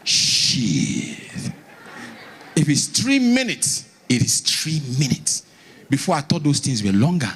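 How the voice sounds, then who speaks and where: An animated Nigerian man does stand-up, telling stories to a live comedy audience. His husky voice sits on the high side, and he acts out bits, leaning on dramatic pauses and repeated lines.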